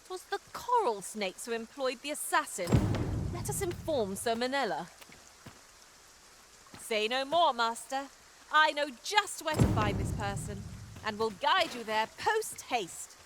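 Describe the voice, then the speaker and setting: A woman's voice: fairly high pitch, sing-song, measured pace. A woman voicing a loyal companion in a fantasy game, talking in old-fashioned, formal phrases. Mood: earnest. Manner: archaic formal speech. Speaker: pawn companion. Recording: rain and game noise behind.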